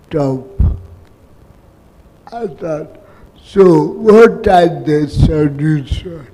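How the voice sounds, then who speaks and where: Kenyan guy asking a question from the floor, slurred halting speech, really slow, bit high pitched. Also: mellow, rough recording. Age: late 30s. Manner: halting, a word or two at a time. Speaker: audience member asking a question.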